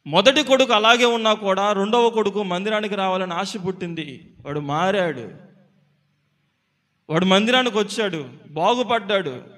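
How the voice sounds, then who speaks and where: A man's voice: sits high, normal speed, pauses often, fairly bright tone, big-room sound. A man preaching, voicing a grieving mother who pleads in a repetitive lament.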